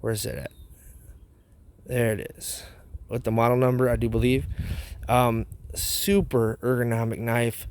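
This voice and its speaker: A man's voice: medium pitch, fairly even intonation, unhurried, pauses often, darkish tone, clean tone. A man hosting a casual product review vlog outdoors, talking with a wad of chewing tobacco dip in his mouth. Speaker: knife review channel host.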